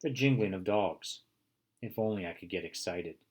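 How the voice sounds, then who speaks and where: Husky male storybook narrator. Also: moderate pace. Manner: expressive, with bursts of high excitement. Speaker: audiobook reader. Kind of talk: first-person storybook narration.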